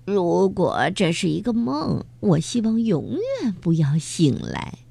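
A woman's voice: fairly low pitch, big pitch swings, slow pace, gravelly, dark tone, breathy edge, full character voice. A woman voicing a greedy, whimpering little female beetle in a children's story. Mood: content. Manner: whimpering, plaintive.

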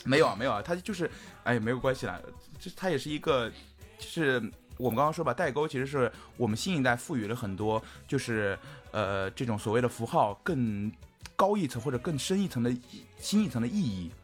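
A man co-hosting a casual chat podcast, explaining his points at length and getting more excited as he goes. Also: mid-range voice, a little fast, faint music behind. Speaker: podcast co-host.

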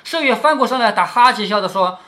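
A man's voice: high voice, expressive, quick pace, pushed and bright. A middle-aged man reading a classic novel aloud to his daughter, stopping often to explain and asking rhetorical questions.

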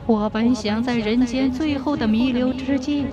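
A woman voicing the vengeful ghost of a drowned pregnant woman, scolding slowly in a hushed voice. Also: sits high, steady tone, dull audio, over loud music, voice pushed up, natural voice. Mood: bitter scolding.

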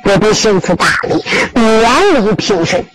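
A woman's voice: mid-range voice, very animated, measured pace, pitched below the performer's own voice, low-quality recording. Woman doing a stern old scolding prince. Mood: commanding. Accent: Henan. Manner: declaiming, scolding, emphatic.

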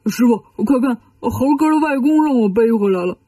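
A woman voicing a lazy, greedy pig-man monk who whines and pleads in drawn-out tones, for a children's story. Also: fairly high pitch, expressive, dark tone, breathy edge, dry recording. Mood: whining.

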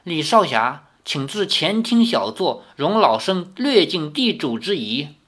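A reader voicing an old woman, an elder who questions a young stranger sharply and then warms to him with formal, old-fashioned courtesy. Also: mid-range voice, big pitch swings, unhurried. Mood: courteous. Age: older. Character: stern then kindly old woman, elder of a hidden sect.

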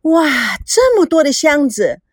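A woman's voice: high voice, very animated, measured pace, no echo, clean studio sound, voice pushed up. A woman voicing a flamboyant, coquettish middle-aged woman who talks in an affected, sing-song way. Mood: gushing.

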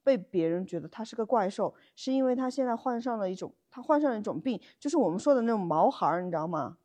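A podcast co-host tells stories in a casual, conversational way, tossing in colloquial asides and rhetorical questions. Her voice is medium in pitch and expressive, with a warm tone and a quick pace.

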